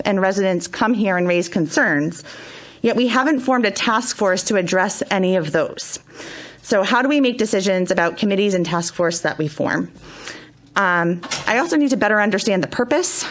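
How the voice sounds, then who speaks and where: Firm woman at a board meeting. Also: mid-range voice. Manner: firm and deliberate. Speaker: school board member. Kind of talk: prepared statement at a public board meeting. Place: public board meeting room.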